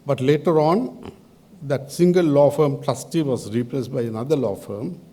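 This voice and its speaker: An older Sri Lankan man speaks formally from a podium as a chairman. His voice is mellow and mid-pitched. He moves through his address in measured, halting phrases, pausing deliberately. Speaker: advisory committee chairman giving a welcome address.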